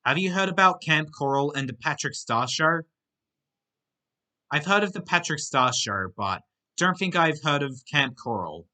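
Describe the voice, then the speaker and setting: A man's voice: fairly high pitch, expressive, normal speed, bright, forceful tone. A young man hosts a casual Q&A. He reads out viewer questions and gives short, plain answers. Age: young adult. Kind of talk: casual Q&A monologue.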